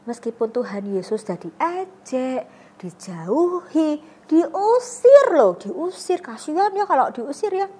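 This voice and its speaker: Lively young woman Sunday-school teacher. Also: high-pitched, unhurried, breathy edge. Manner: expressive, asks children questions and answers herself. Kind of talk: animated Bible storytelling for children.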